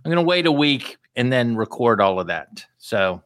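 Hoarse, lively man joking around. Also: medium pitch, normal speed, dry recording, clean studio sound. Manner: joking, playful banter. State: hoarse from lack of sleep. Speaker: guest author. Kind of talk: casual podcast chat.

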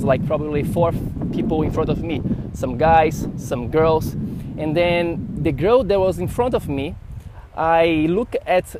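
A man's voice: on the high side, background noise. Brazilian-accented man telling a rambling story. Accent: Brazilian Portuguese. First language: Portuguese. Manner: animated, rambling with fillers and restarts. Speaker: podcast host. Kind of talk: casual storytelling to camera.

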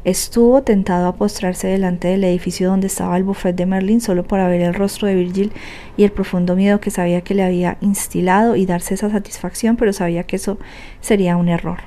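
Spanish-woman narrating an audiobook, mellow warm tone, steady. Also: mid-range voice, fairly quick, slight background noise. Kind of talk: scripted narration.

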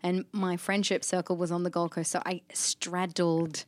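A woman's voice: on the low side, level tone, normal speed. A woman from northern New South Wales with an Australian accent, co-hosting a casual chat and rambling with lots of ums and restarts. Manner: chatty, self-mocking, many ums and restarts. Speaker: podcast co-host.

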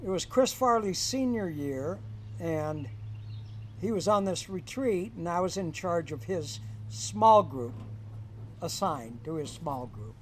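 An older man with a high-set voice tells counselor stories at an unhurried pace, chuckling as he acts out the quoted lines. A faint noise sits under the recording. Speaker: guest, former high school counselor. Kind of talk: storytelling in casual podcast chat.

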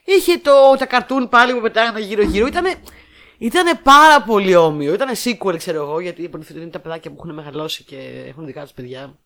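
A woman's voice: mid-range voice, lively intonation, a bit bright. Woman podcast host, coughing and sniffly, chatty, stumbles over words as she thinks. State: coughing, blowing her nose. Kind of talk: casual chat reviewing films.

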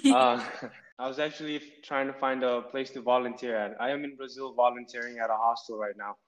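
A man of twenty-one from Nepal talks as a podcast guest in an easygoing, meandering way, circling back on himself. His voice sits at an ordinary male pitch. It reaches us over a muffled, lo-fi remote line. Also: expressive, brisk, slight background noise. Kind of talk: casual interview chat.

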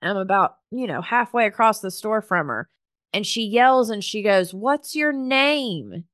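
A woman's voice: medium pitch, animated, normal speed, a bit bright, dry recording, clean studio sound. Chatty, earnest woman podcast host. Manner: chatty and earnest, frequent "like" fillers, faith-filled encouragement. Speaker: podcast host and business coach for professional organizers. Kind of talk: casual heartfelt solo podcast monologue.

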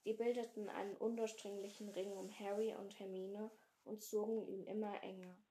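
A woman reading a fantasy novel aloud in a slow, hushed storytelling manner. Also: mid-range voice, little pitch movement, slight background noise. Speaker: podcast host reading aloud. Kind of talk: slow dramatic read-aloud.

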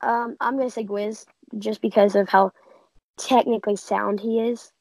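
Co-host: woman with a gravelly, fry-laced voice, dry close sound, sure of her takes. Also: medium pitch, steady tone, moderate pace, a little mellow, dry recording, low-quality recording. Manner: confident, opinionated predictions. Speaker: podcast co-host. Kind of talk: casual sports chat.

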